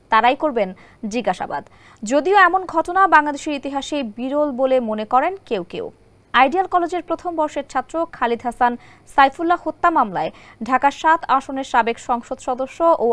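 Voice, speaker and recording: Woman, Bangladeshi accent, high voice, scripted news narration, formal and measured, dry close sound. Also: fairly bright tone, dry recording.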